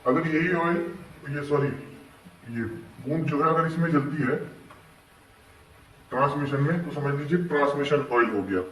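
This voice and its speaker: A man explaining warning symbols to learners in a patient, step-by-step way, often asking whether it is clear. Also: fairly high pitch, normal speed, pauses often, fairly bright tone, echoey room, far from the mic, low-quality recording. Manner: patient, checks understanding with repeated questions. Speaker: instructor explaining dashboard warning signs. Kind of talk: classroom-style explanation.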